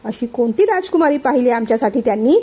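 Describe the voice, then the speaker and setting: A woman's voice: fairly high pitch, expressive, fast talker, mellow, husky. A woman voicing a hot-tempered suspicious young man. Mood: angry, suspicious. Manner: accusing, hot-tempered questioning.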